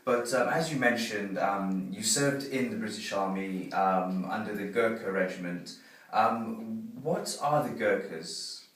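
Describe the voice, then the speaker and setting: A man's voice: lowish voice, measured pace, fairly bright tone. A man hosting a radio interview, friendly and rambling, with many ums and uhs. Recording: echoey room, distant mic.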